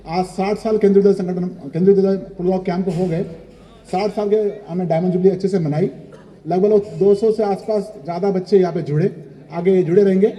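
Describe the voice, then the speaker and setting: A male school principal addresses a ceremony in a loose, chatty way, dropping English phrases here and there. His voice sits fairly high but sounds dark and mellow. The sound rings with the long reverb of a large hall. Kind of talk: ceremony speech.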